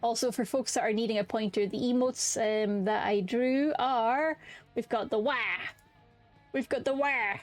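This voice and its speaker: A young woman chats candidly while streaming a game, swearing freely and rambling, often restarting her sentences. Her voice is a little high and steady, a little slow, with soft music in the background.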